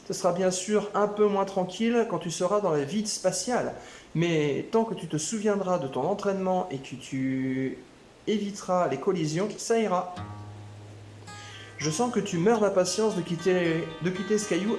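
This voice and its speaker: A man's voice: high voice, moderate pace, darkish tone, roomy sound, soft background music, natural voice. A man reading out a friendly alien mentor. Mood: encouraging. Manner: reads game dialogue aloud.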